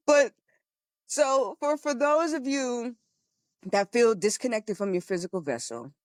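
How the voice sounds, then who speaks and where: A woman's voice: a little high, expressive, measured pace, dry recording, studio quality. A woman co-hosting a spiritual podcast, talking frankly and earnestly, with some swearing and frequent laughter. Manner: frank and profane, laughing often; earnest, teaching tone. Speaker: podcast co-host. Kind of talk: casual spiritual talk.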